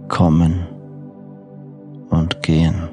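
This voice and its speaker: A man narrating a sleep meditation like a bedtime storyteller, hushed and unhurried, with long pauses between short phrases. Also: sits low, completely flat delivery, over music. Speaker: podcast host and meditation narrator.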